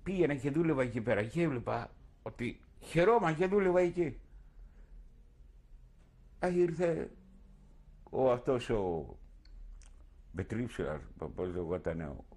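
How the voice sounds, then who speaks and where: A man's voice: mid-range voice, sing-song, long pauses, a little mellow, slightly rough. An older man in an oral history interview, recounting his past vividly and acting out his own words.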